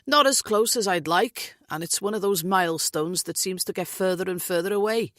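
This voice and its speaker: A woman's voice: fairly low pitch, normal speed, a bit bright, no echo, lightly acted. A woman voicing a blunt, jokey middle-aged Welsh man who grumbles, in a dry close recording. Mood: grumbling.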